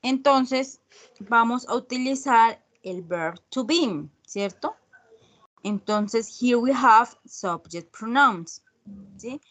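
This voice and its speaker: A woman teaching an online English grammar class in Spanish, patiently checking in with her students after each point. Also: mid-range voice. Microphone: video call.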